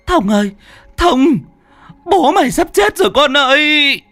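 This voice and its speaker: A frantic old village mother wails and pleads in a high, strained falsetto, put on by a man. Her desperate calling swoops up and down. The recording is dry and close. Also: big pitch swings, measured pace, pushed and bright, no echo, faint music behind, heavily acted. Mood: wailing.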